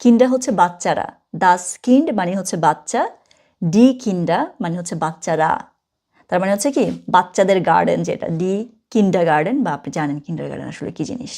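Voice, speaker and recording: A woman's voice: fairly low pitch, vocal fry, warm tone. A woman teaching German in an online lesson, mixing in English and often checking "okay?" with her students. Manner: code-switching teacher, checks in with "ঠিক আছে?" often; slows down and spells out German words.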